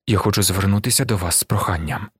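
A man voicing a calm, humble middle-aged man under arrest who speaks low, quietly and earnestly, reading an audiobook. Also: normal speed, no echo, clean studio sound, lightly acted. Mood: pleading quietly.

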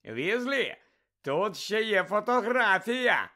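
A man's voice: high-pitched, sing-song, takes it slowly, voice pushed up, full character voice. Brief: man voicing snide rich schoolboy, taunting, raised voice, audiobook. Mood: sneering. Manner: mocking, jeering, loud. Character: sneering rich teenage schoolboy, spiteful bully.

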